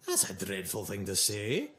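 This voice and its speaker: A man's voice: a little slow, echoey room, heavily acted. An actor playing a proud, touchy male painter with a lilting Scottish accent and a genial manner. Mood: offended. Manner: lilting, genial, lively swings in pitch.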